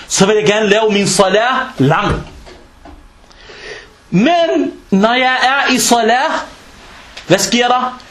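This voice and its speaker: A man preaching a humorous sermon in a mosque, telling stories with lively rhetorical questions and scattered Arabic religious terms. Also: high voice, reverberant. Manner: animated storytelling with rhetorical questions.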